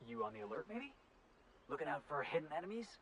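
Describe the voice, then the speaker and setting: Felix, a cocky fast-talking crewman. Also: on the high side, big pitch swings, fairly bright tone, a little hiss or hum. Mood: teasing. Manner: teasing, flirty, rapid-fire.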